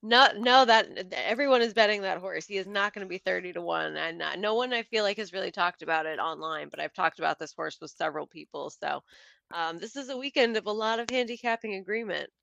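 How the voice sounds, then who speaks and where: A woman joins a casual podcast as a guest and lays out her picks with brisk, detailed analysis. She talks in long explanatory runs with a mid-range voice. She is recorded close and dry. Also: medium pitch, gravelly, fairly bright tone, no echo, lo-fi sound. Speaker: podcast guest and horse racing handicapper.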